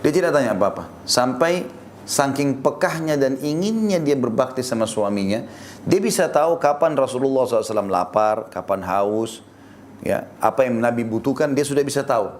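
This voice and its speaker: A man preaching a sermon in a lively, animated way, speaking directly to his listeners as friends and leaping up in pitch to stress a point. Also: a little fast, slight background noise. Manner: lively, animated delivery with sudden rises in pitch for emphasis.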